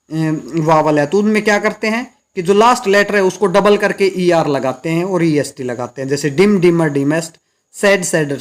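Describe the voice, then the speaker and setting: Fairly high-voiced man teaching grammar. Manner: explains step by step, asks and answers his own questions. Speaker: English teacher. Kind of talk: classroom grammar lesson. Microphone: recorded lesson video.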